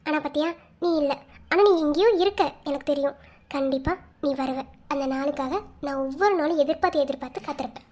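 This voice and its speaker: A woman voicing a young pregnant wife who speaks softly and pleadingly to her absent husband, and later scolds possessively, in an amateur cartoon story. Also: high-pitched, a little fast, noisy background, close to an everyday voice. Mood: tender, sorrowful.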